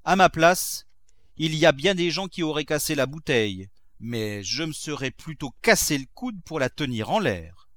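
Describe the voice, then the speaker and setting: A man reading a classic novel aloud and voicing a hearty female servant with loud, coarse country speech. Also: sits low, sing-song, moderate pace, pitched above the performer's own voice. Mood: boisterous.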